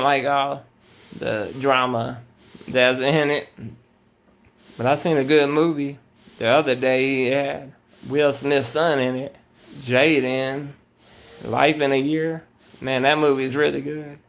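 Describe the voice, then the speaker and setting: Man, gravelly voice, mid pitch, rambling casual chat, home vlog at night. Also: level tone, slow, long pauses. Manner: rambling, laid-back, says "man" often. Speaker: vlogger. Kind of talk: casual late-night monologue.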